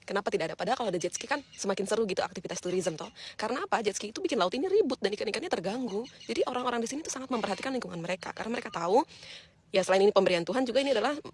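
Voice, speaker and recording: A woman's voice: mid-range voice, expressive, rapid-fire, slight background noise. A woman vlogging in a casual, chatty way, explaining things to her viewers with fillers and questions.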